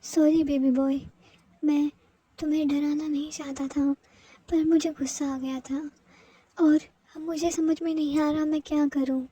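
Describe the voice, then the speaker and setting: A woman's voice: high voice, little pitch movement, unhurried, warm tone, dry recording, poor audio. A woman voicing a possessive, obsessive older male teacher who broods, schemes and turns controlling. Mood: apologetic.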